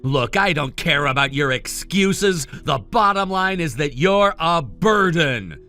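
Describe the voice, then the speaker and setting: An actor playing an arrogant young medical-student brother in a family drama, talking in a condescending, cutting and dismissive way. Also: male voice, on the high side, expressive, takes it slowly, sharp tone, soft background music, heavily acted. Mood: contemptuous, heated. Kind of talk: dramatized family-conflict story dialogue.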